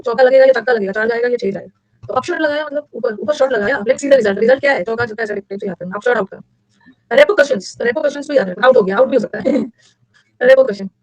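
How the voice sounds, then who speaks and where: A woman teacher running a lively classroom lecture, drilling vocabulary with repetition and mnemonics. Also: no echo. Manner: energetic, repetitive, with sudden high-pitched emphasis. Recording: dull lo-fi dry recording.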